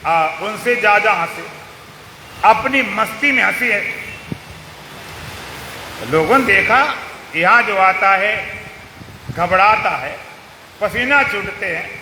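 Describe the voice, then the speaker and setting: A man's voice: high-pitched, sharp tone, echoey room, long reverb tail, a little hiss or hum, rough recording. A male swami telling a story in a sermon, emphatic and declaiming. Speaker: swami, spiritual preacher.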